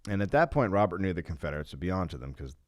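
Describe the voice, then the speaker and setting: A man with a low voice tells a history story for a comedy podcast in a casual, halting way. His pitch moves around a lot and he often stops to restart a sentence. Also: sing-song, dry recording, studio quality. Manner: halting, full of restarts and ums.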